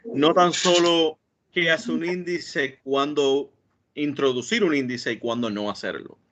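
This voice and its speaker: Over a video call, a Puerto Rican man who works as a database administrator presents a technical talk, stumbling through fillers and restarts. His fairly high, slightly bright voice moves at a measured pace, and the computer mic yields dull, lo-fi sound.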